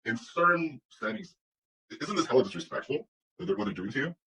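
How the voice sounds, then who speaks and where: A man's voice: mid-range voice, sing-song, a little fast, bright, forceful tone, distant mic, poor audio. A man seeking advice in a casual conversation, hesitant and stammering.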